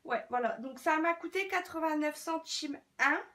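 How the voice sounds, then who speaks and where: In a relaxed haul video, a young beauty vlogger from France goes over her latest purchases at home at a moderate pace. She's chatty, with a high and bright voice, and her talk wanders with stumbles and filler words.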